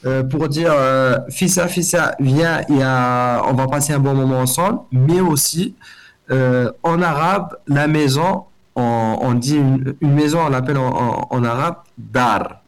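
A man's voice: medium pitch, a little slow. A middle-aged man from Algeria, a festival director speaking as a guest in a radio interview, talking with many fillers and restarts.

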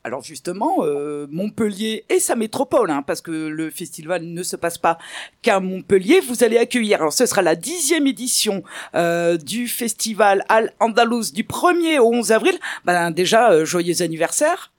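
A woman's voice: medium pitch, very animated, normal speed. A woman hosting a radio interview, asking friendly questions. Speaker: radio host.

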